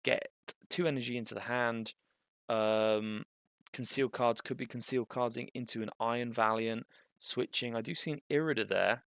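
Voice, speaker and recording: A young man giving casual, thinking-aloud commentary on a card game match, with bursts of excitement. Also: medium pitch, normal speed, vocal fry, no echo.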